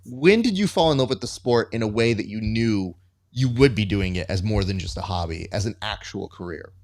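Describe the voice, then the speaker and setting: A man's voice: fairly low pitch, expressive, fairly quick, a little mellow. A man hosting an interview, asking questions in a chatty, joking way. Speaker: podcast host, interviewer. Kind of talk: conversational interview.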